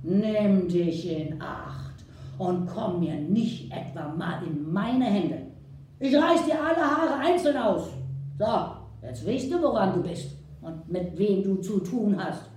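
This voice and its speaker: A woman voicing a furious, sharp-tongued older woman, scolding shrilly, recorded far from the mic in an echoey room. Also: expressive, takes it slowly, a little hiss or hum. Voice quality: shrill, scolding, dialect-tinged.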